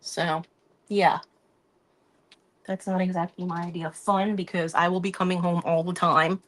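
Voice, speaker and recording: A woman's voice: lowish voice, little pitch movement, normal speed, fairly bright tone. A woman hosting a craft live stream, chatting casually and rambling about her week while she works at her craft table. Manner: chatty, rambling, talks through her hands-on work.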